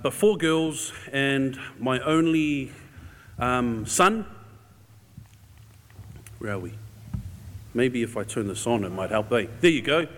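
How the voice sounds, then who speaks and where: Speaking as a charity's guest speaker, an Auckland-raised New Zealander shares a personal story in an informal church talk. His mid-range voice is a bit bright, and he talks casually and hesitantly, often adding "eh". Long reverb fills the large indoor church hall.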